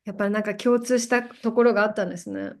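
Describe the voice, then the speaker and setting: A woman's voice: medium pitch, fast talker. A woman hosting an interview in a casual chat, giving brief, attentive reactions. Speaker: interviewer, host.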